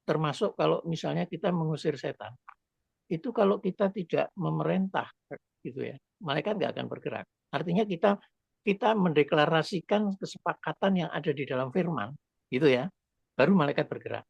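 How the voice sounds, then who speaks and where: A man's voice: a little high, expressive, brisk, vocal fry, slightly rough, no echo, highs cut off. A man joining a call over a poor phone and headset, explaining his point in a rambling, hesitant way. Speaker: participant adding to the teaching. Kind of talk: casual teaching.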